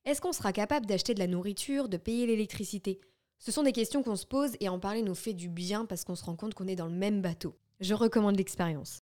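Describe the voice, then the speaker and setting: A woman's voice: mid-range voice, brisk, warm tone. A young woman from France hosting her own solo podcast, chatty and self-questioning, stopping for small asides. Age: young adult. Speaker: podcast host.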